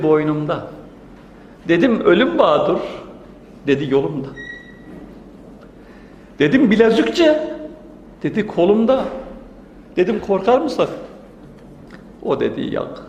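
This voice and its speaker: A man reciting a dialogue poem, raising his voice for his questions and dropping it low for the replies, and explaining the lines in between. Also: darkish tone, a little hiss or hum. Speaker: speaker reciting and explaining poetry. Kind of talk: recited poem with commentary, then sung. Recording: roomy hall with long echo.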